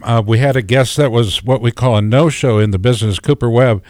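A man's voice: medium pitch, brisk, darkish tone, no room sound. A man hosting a radio show in a chatty, folksy, joking way. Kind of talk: casual radio talk.

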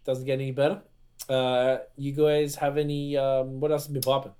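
A man's voice: medium pitch, flat delivery, moderate pace, mellow. A man hosting a podcast in casual chat, rambling and slangy, often hunting for words. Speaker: podcast host.

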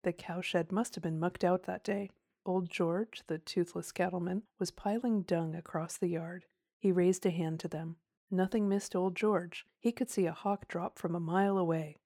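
A woman narrates a storybook in a measured, expressive way. Her voice is low and mellow, and the recording is close and dry with no room sound. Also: dry recording. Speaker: audiobook narrator.

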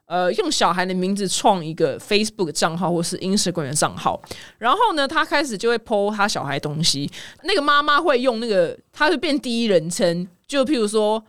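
Fast, lively Taiwanese-accented woman host. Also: mid-range voice, clean tone, no room sound, clean studio sound. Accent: Taiwanese Mandarin. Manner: animated, teasing, ranting asides. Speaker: podcast host. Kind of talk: casual opinionated commentary.

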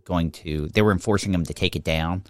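A man's voice: sits low, brisk, no echo. A man. He sounds like a podcast co-host in conversation, recorded dry with little room sound. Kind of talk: casual chat.

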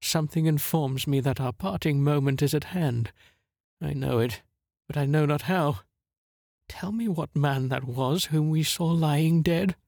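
A man reading a storybook voices an anxious old man who pleads earnestly and formally with a spirit in a thin, husky voice. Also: fairly high pitch, unhurried, darkish tone, dry recording, clean studio sound, pitched above the performer's own voice. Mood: solemn dread.

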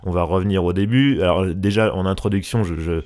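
His deep, slightly mellow voice moves briskly as this car journalist in his forties hosts a podcast interview. Eager and enthusiastic, he stammers and restarts a lot.

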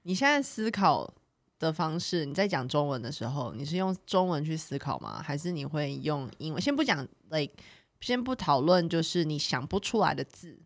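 Female co-host, mid-pitched, highly animated delivery, conversational with English code-switching, dry recording. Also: normal speed, no room sound. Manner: animated, repeats words, mixes in English. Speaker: podcast co-host. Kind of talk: casual chat.

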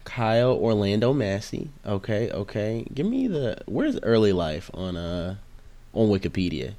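A man with a very low voice co-hosts a casual podcast from a home mic, talking laid-back and rambling with plenty of fillers. The sound is dry and close. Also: sing-song, unhurried, mellow, dry recording. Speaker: podcast co-host. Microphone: home mic through voice chat.

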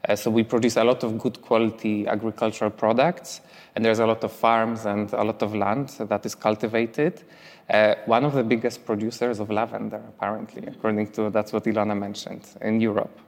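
A man's voice: lowish voice, flat delivery, brisk, big-room sound. A young man from Poland, talking casually as a guest in a live stage interview, with many fillers. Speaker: interviewee, writer.

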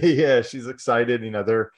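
A man's voice: mid-range voice, a little slow, over a noisy crowd. A man hosting a podcast, chatting casually with a guest in an interview. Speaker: podcast host.

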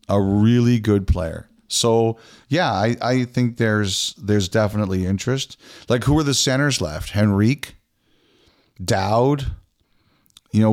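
Low-voiced man talking hockey, stumbling restarts. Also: a little mellow. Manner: repeats words and restarts often. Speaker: hockey podcast co-host. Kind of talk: casual sports chat.

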